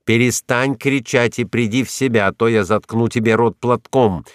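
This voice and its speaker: A man voicing a stern, forceful wealthy husband who barks orders in a hoarse, commanding shout. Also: mid-range voice, normal speed, dry recording, studio quality, close to an everyday voice. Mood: angry.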